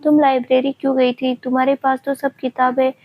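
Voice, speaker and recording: A woman's voice: sits high, level tone, fairly quick. A woman voicing an anxious, protective mother who keeps asking questions. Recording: dull lo-fi recording.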